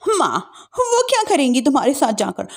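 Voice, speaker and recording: Lady doing a snobby bossy young sister in law, whiny, high pitched, family story. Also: wildly swooping pitch, moderate pace, full character voice. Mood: demanding. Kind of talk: acted family-drama storytelling.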